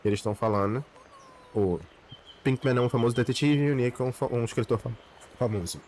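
A man's voice: mid-range voice, fairly even intonation, quick pace, darkish tone, slight background noise. A man, a gaming channel host giving casual, rambling commentary. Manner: rambling, self-correcting chatter.

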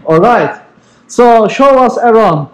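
A young man with a high, lively voice hosts a casual vlog tour, letting out whoops and laughs as he goes. He talks slowly, and his action camera sound is roomy with faint background noise. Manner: enthusiastic, frequent whoops and laughs. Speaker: vlog host and exchange participant. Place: guesthouse rooms and terraces, indoors and out. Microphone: action camera held at arm's length.

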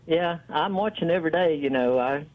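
A man calls in over a thin, narrowband phone line with an East Tennessee Appalachian drawl. His voice sits fairly high, and he chats casually. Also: brisk. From East Tennessee, United States. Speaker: call-in caller.

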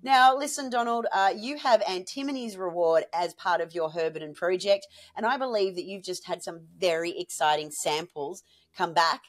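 A woman's voice: on the low side, normal speed. A woman hosting a business news interview, asking questions in an upbeat, enthusiastic way. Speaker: host.

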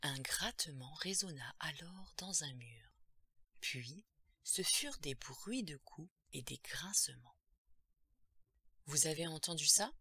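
Low, gravelly woman narrating horror. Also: lively intonation, slow pace, pushed and bright, no echo. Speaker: audiobook narrator. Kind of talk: dramatic horror audiobook narration.

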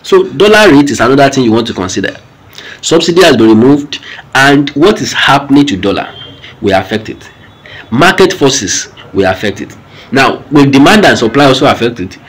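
A man's voice: medium pitch, sing-song, normal speed, fairly bright tone, slightly rough, rough recording. A man with a Nigerian accent giving news commentary in an explanatory way.

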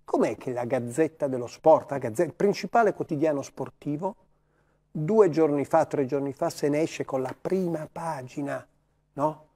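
Insistent man arguing football, fairly high voice. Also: moderate pace, mellow. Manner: insistent, repeats phrases, argumentative. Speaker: sports talk show panelist. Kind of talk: heated studio debate.

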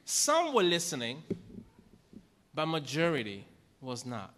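Speaking slowly from the pulpit, a middle-aged pastor poses questions to his congregation and climbs to emphatic high points. His rather high, slightly bright voice swings hugely in pitch, ringing with the long reverb of the church hall.

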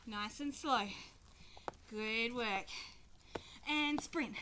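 This kids' fitness coach has a high, bright voice and cheers the children on with short, energetic barked cues, speaking extremely slowly. She puffs as she exercises alongside them in a grassy back yard. The audio comes from a camera mic several metres off, noisy and marked by some clicks.

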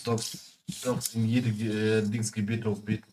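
A man's voice: fairly low pitch, flat delivery, a little slow, a crowd in the background. A man joining a casual group livestream conversation as a guest. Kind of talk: casual chat.

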